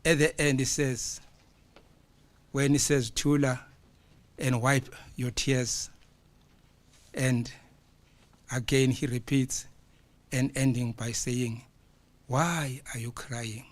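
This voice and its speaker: A man, a conference speaker reciting a poem and then explaining it in a measured, declamatory way. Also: medium pitch, fairly even intonation, no room sound. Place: conference hall.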